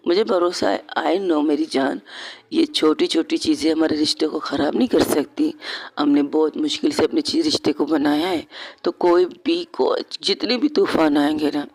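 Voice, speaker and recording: A woman's voice: low voice, darkish tone. Woman reading a soothing young woman, tender, reassuring, repeats herself, everyday voice. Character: young woman soothing her crying lover. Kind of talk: audio story character reading.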